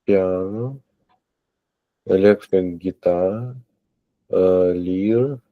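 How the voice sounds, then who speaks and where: A man answers as a student in an online lesson, naming words one by one with long hesitant pauses, very slowly. His voice is very deep, dry and close. The call audio sounds slightly dull and muffled. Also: no echo. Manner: halting, with long "uh" pauses before each word.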